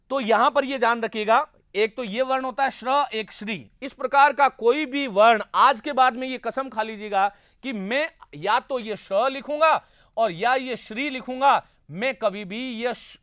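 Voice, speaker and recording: High-voiced Hindi grammar teacher drilling. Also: male voice, a bit bright, no room sound, studio quality. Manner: drills students with call-and-response questions; earnest, exhorting. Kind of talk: classroom lecture.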